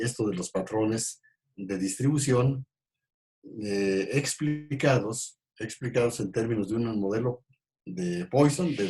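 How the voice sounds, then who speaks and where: A man gives an ecology lecture in a fairly low voice. He talks in halting stretches, full of fillers and restarts. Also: a little mellow. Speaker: ecology teacher. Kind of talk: recorded class lecture.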